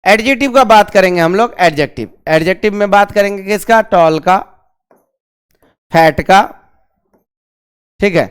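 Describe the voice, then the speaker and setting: High-voiced man teaching grammar. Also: clean tone. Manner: asks the class questions and repeats key terms; drills slowly on key terms. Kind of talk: classroom grammar lesson.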